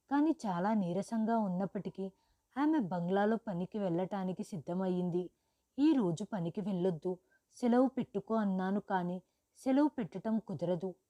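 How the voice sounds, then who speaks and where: A woman narrating a first-person story in a steady, even reading voice. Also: medium pitch, dry recording, lo-fi sound.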